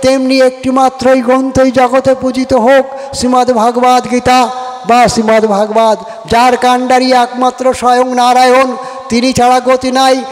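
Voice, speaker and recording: A man's voice: extremely high pitch, monotone, unhurried, big-room sound. A man from giving a devotional scripture discourse, posing rhetorical questions and answering them, repeating his phrases. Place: outdoor kirtan ground with PA.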